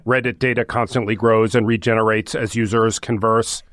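Man doing a deadpan mock robot voice, stiff monotone, dry close sound. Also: lowish voice, normal speed, dry recording, lightly acted. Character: flat mock robot reading a corporate quote. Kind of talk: podcast chat, reading a quote aloud.

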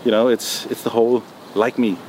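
A man answering interview questions in a relaxed, hesitant way, with many ums and restarts. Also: medium pitch, a little fast. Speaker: music producer guest. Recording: noisy background.

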